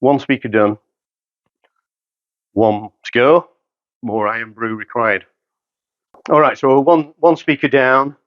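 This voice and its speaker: He takes it slowly, leaving long pauses, his medium-pitched voice recorded with highs cut off and no room sound. A hi-fi dealer in his fifties, he demonstrates a hands-on product setup in a carpeted showroom, speaking in short, matter-of-fact phrases step by step.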